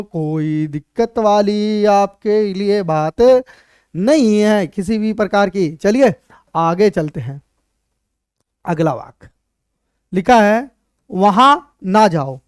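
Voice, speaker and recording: A man gives a slow, deliberate English lesson. He asks himself questions, answers them, and repeats each rule with joking asides. His voice sounds close and dry, with no room echo. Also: high-pitched, smooth. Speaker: English teacher. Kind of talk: spoken English lesson in Hindi. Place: classroom board lesson video.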